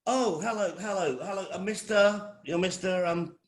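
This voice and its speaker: A middle-aged man from England, a college lecturer, gives an informal welcome talk in an English accent. His voice is high-pitched at a moderate pace, and he often repeats phrases and restarts sentences.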